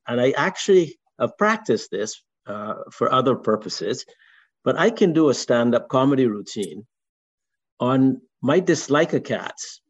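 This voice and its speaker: An older man from Barbados with a Barbadian accent, talking in a casual discussion, with lots of repeated words and a wordy, deliberate manner. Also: medium pitch. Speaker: discussion participant. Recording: dull lo-fi sound.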